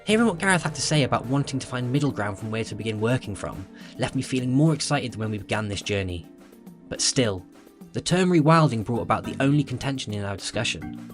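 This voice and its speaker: A man's voice: medium pitch, animated, fast talker. A man narrating a documentary from a script, in a reflective tone. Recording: narration over music.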